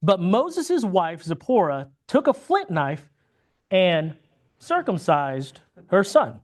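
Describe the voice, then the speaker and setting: A Bible class teacher from the United States leads a conversational lesson in a mid-range, very animated voice at a slow pace. The teacher keeps checking in with the class through frequent tag questions and restarts sentences, repeating words midway.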